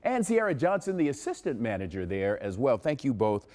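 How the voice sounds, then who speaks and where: A man's voice: medium pitch, wildly swooping pitch, a little fast, darkish tone, in a large hall. A man hosting a lifestyle TV show, chatting casually and jumping in as he interviews guests. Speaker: TV show host.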